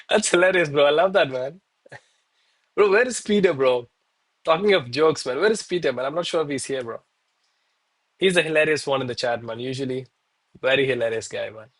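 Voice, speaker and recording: A man's voice: mid-range voice, fairly quick, a bit bright. A man livestreaming casual commentary to his chat as a trading streamer, with an informal, bro-heavy gym-bro way of talking. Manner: bro-heavy, hyped gym-bro style talk; informal, addresses viewers as bro, man, guys.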